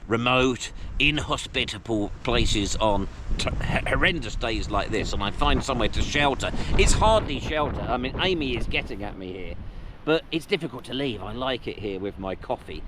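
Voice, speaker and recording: A man rambles cheerfully through his vlog commentary, pitch bouncing widely up and down. He is out on an exposed hilltop with a camera mic. Heavy wind and rain noise batter the recording. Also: expressive, normal speed. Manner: chatty, rambling, self-mocking. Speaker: presenter. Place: exposed hilltop outdoors in a storm. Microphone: camera mic carried outdoors.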